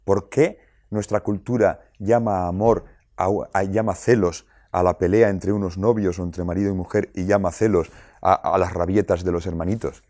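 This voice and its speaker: A man gives a lively explanatory talk to parents, his voice sitting low. He poses rhetorical questions and acts out little quotes. The sound is dry and close. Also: moderate pace, no room sound. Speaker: speaker on child rearing.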